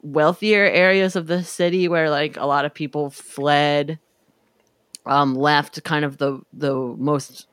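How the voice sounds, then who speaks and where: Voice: medium pitch, little pitch movement, slow pace, a bit bright, clean tone, no room sound. A podcast co-host talking through politics in a loose, meandering way. Sentences trail off and restart, and fillers pile up between ideas. The sound is dry and close, with no room to it. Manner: meandering, hedging, many fillers, often laughs. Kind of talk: casual political chat.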